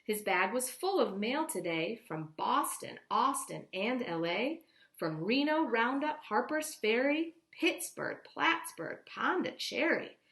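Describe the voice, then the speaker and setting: Like a teacher, a woman with a slightly high voice reads a picture book aloud, telling the story expressively and deliberately and giving children simple explanations. There's reverberation in the sound.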